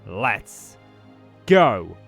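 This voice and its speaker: A British gaming YouTuber does casual let's-play commentary on a strategy game, thinking aloud in a low-ish, fairly bright voice with vocal fry, still a little off from a throat infection. He's very animated yet speaks very slowly, with soft music playing underneath.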